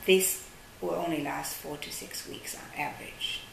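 Low gravelly-voiced woman, hesitant, in echoey office. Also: steady tone, normal speed, a bit bright. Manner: hesitant, searching for words with many fillers. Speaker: caviar company representative. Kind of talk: interview, product explanation. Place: sunlit office at a desk. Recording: echoey room, distant mic, faint hiss.

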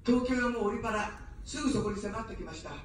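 A woman's voice: on the high side, quick pace, a little hiss or hum. A woman running for office gives an evening outdoor campaign speech in standard Japanese, mixing jokes with earnest appeals for votes. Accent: none, standard Japanese. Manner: joking then earnestly pleading. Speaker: election candidate. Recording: very echoey distant street PA sound.

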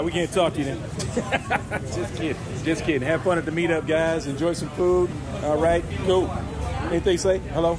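Guy vlogging at a packed bar, teasing everyone, kinda high voice, loud crowd chatter all around. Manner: teasing, playful, upbeat. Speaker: vlogger host. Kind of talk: casual vlog chat and joking commentary. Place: busy bar with pool tables, partly open-air. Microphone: handheld camera at arm's length.

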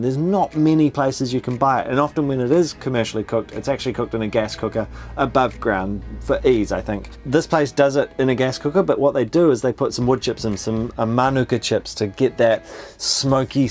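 New man, eager food-vlog host. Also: mid-range voice. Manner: enthusiastic, explains dishes while eating. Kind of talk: casual food vlog narration. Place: inside a parked camper van.

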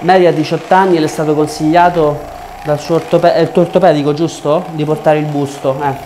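Talking fast in a steady tone, this young man's slightly high voice comes through a lapel mic against a noisy background. Working hands-on as a chiropractor in a small room, he reassures the patient with brief instructions and explains the treatment to viewers.

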